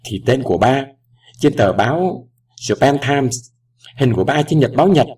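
A man's voice: medium pitch, lively intonation, a little fast, a little mellow, slightly rough. A man voicing a grown daughter who speaks in a choked, pleading, raised voice, recorded at a distance from the mic. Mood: eager.

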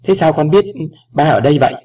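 A cautious, tender older father and ambassador, as a male reader puts him on, speaking in careful, measured phrases. His voice is slightly husky and heard from some way off the microphone. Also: on the high side, lively intonation, warm tone, voice pushed up. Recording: voice distant from the mic.

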